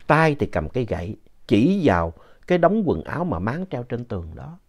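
A man narrating a ghost story in a conversational, lively way with asides to the listener. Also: mid-range voice, moderate pace. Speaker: story reader. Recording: dull lo-fi sound.

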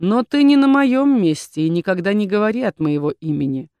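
A woman's voice: fairly low pitch, no echo, lo-fi sound, lightly acted. A woman reading a cold, detached duke. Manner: slow, flat and detached. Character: cold, weary aristocratic man, a duke.

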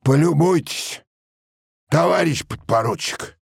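Man doing a muffled gruff train driver, yells mad, pitched way up, dry sound. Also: lively intonation, takes it slowly, no room sound, heavily acted. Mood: angry. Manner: angry shouting. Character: muffled, strong, spiteful male train driver.

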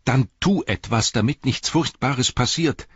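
A man voicing a small, frightened young hobbit who pleads urgently in a raised, husky voice. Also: mid-range voice, a little slow, dry recording, voice pushed up. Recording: dull, dry recording.

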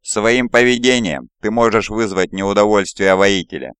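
Growling threatening warrior captain, read by a man, deep clear voice. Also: moderate pace, a bit bright, no echo, close to an everyday voice. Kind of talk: audiobook character voice.

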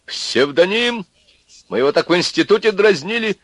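A man's voice: high voice, lively intonation, normal speed, a bit bright, no echo, voice pushed up. A man voicing a flustered, blustering middle-aged husband in an audiobook reading. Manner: blustering, defensive.

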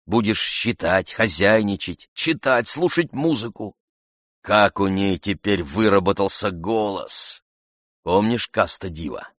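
Man playing a steady, persuasive friend, calm and coaxing, low unhurried voice. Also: no room sound, studio quality. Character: steady, warm-hearted male friend, persuasive.

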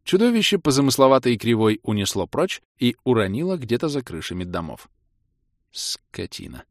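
A man reading a fantasy audiobook in an animated, ironic first-person style into a studio microphone. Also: mid-range voice, brisk, no echo. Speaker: audiobook narrator.

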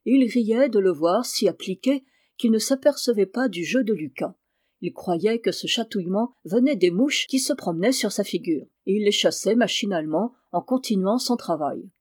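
A woman reading a classic children's novel aloud, in a clear, measured way. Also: mid-range voice, lively intonation, darkish tone, no echo, clean studio sound. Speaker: reader.

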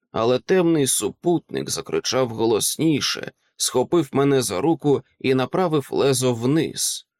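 A man narrates an audiobook with dramatic flair, his pitch rising and falling freely from line to line. He sits close to the mic in a dry, dead room. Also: no echo. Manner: dramatic, expressive reading.

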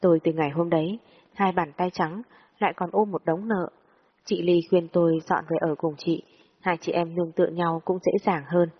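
Husky woman narrating a first-person story. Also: fairly low pitch. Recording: dull lo-fi audio with long reverb.

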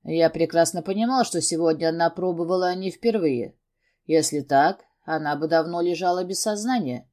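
A woman reading a first-person story aloud as an audiobook narrator, in an even, steady storytelling manner. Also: fairly low pitch, normal speed.

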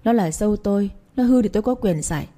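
A woman's voice: mid-range voice, lively intonation, fast, dark tone, lightly acted. A woman reading the lines of a harsh, domineering elderly matriarch who scolds and commands. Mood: scolding.

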